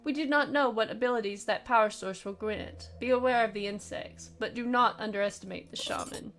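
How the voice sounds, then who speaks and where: A woman reading the lines of a stern, formal male aide in a game, in a measured, lecturing way. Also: a little high, fairly bright tone, lightly acted. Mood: grave. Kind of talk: reading game dialogue aloud.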